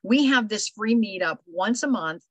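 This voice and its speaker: A woman's voice: mid-range voice, animated, moderate pace, dry recording, poor audio. An older woman, hosting a casual video call meetup, chatty and rambling with lots of fillers. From Ohio. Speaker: host. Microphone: video call microphone.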